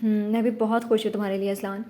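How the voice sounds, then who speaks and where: A woman's voice: mid-range voice, flat delivery, dark tone, lightly acted. A woman voicing a serious, protective young husband in an audiobook romance, curt in tone. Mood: stern.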